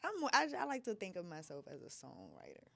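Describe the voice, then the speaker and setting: Gravelly-voiced woman rapper, laid-back. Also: lowish voice, huge pitch swings, fairly quick, a bit bright. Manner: laid-back, short answers, laughs easily. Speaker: rapper and songwriter, guest. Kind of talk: casual interview chat.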